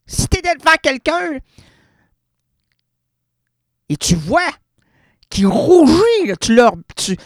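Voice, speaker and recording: A man's voice: very high voice, big pitch swings, slow pace, dry recording. A man with a Québécois accent, a radio columnist delivering a rambling, theatrical, absurdist comedic monologue in a studio. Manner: theatrical, rambling, playful wordplay.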